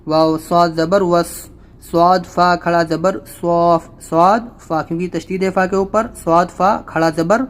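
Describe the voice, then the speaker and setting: A man teaching Quran reading, spelling out each letter and vowel slowly and drawn out, then explaining the rules in quick everyday speech. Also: high voice, fairly even intonation. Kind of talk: spelled-out recitation lesson.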